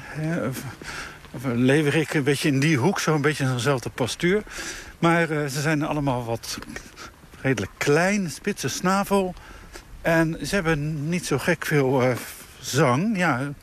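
A man's voice: a little high, slight background noise. A man who is a bird sound expert, explaining things in a chatty way outdoors. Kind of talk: explaining in a field report. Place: outdoors in open grassland.

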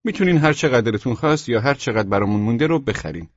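A man voicing a courteous male junk-store salesman with pleasant, smooth sales patter, on a dull lo-fi recording. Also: mid-range voice, expressive, no echo, pitched above the performer's own voice, natural voice.

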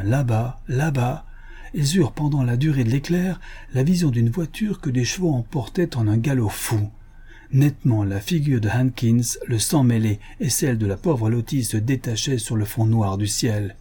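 A man reading an adventure story aloud with even, steady narration. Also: mid-range voice, husky. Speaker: audiobook reader.

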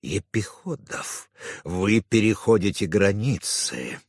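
Man playing a spiteful jealous surgeon, sneering, resentful, lively pitch, dry recording. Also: measured pace, breathy edge, dry recording, full character voice.

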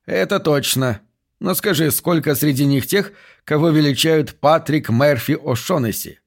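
A man voicing a mannered, pompous police captain with a squeaky voice and a falsely hearty, condescending manner. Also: moderate pace, creaky.

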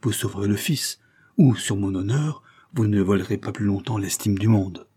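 A man's voice: fairly low pitch, normal speed, slightly rough. A man reading an audiobook, voicing a scheming, coldly polite marquis who sneers and presses his threats. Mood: menacing. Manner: sneering, insistent, rising to forceful outbursts.

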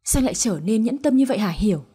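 A woman's voice: on the high side, lively intonation, quick pace, mellow, slightly rough. A woman voicing a guilt-ridden young wife. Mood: desperate. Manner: tearful, pleading.

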